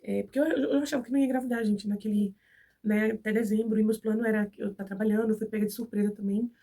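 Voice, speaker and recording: Recorded from a distance, this young Brazilian woman has a medium-pitched, steady, mellow voice and talks fast despite having a cold. As a vlogger she chats with viewers in Brazilian Portuguese, retelling a personal story and performing each person's lines.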